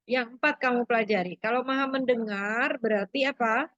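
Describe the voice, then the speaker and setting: A woman's voice: a little high, normal speed, fairly bright tone, no room sound, dull audio. A woman teacher going over a lesson with her class, asking questions and prompting students for answers. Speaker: religious studies teacher.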